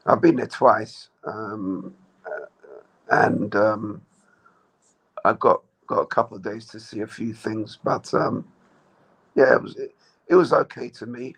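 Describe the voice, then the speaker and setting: A man answers interview questions in a measured, plain way. His low voice has a gravelly, husky grain to it. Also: low-quality recording. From Jamaica. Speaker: interview guest, traveler.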